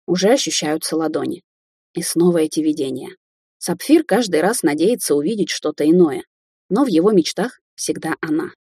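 Husky-voiced woman narrating a novel. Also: low-pitched, animated, normal speed, mellow, dry recording, clean studio sound. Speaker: audiobook narrator. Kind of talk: scripted narration.

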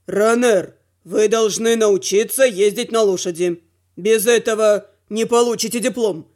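A woman voicing a stern, weary male riding teacher in an audiobook, talking gruffly and with exasperation. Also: medium pitch, unhurried, a little mellow, pitched below the performer's own voice, lightly acted. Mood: exasperated.

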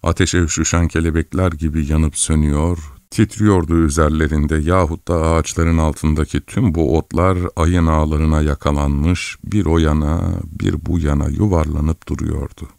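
Deep-voiced male audiobook narrator. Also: flat delivery, gravelly, darkish tone, dry recording, studio quality. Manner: measured, descriptive. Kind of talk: scripted literary narration.

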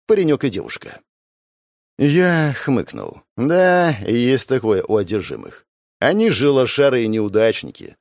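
Brief: male narrator, sardonic and expressive, lively pitch, dry close recording. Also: creaky, no room sound. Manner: sardonic, expressive, with frequent swearing. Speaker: audiobook narrator. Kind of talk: first-person audiobook narration.

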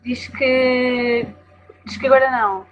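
High-pitched woman, gleeful gossip, voice chat. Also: steady tone, slow pace, dull audio. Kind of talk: online voice chat banter.

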